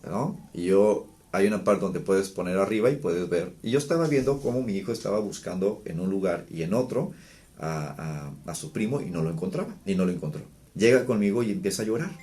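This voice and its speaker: Deep-voiced man explaining parenting. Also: brisk. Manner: calm, explanatory, with many restarts and fillers. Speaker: psychologist. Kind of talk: talking to camera about parenting.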